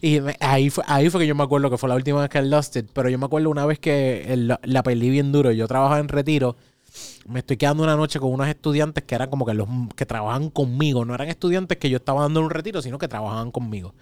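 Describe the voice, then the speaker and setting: A Puerto Rican man in his thirties, a podcast host, telling a story in casual chat and acting out his own shouts. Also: medium pitch, fast, clear, resonant tone, dry recording. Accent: Puerto Rican Spanish.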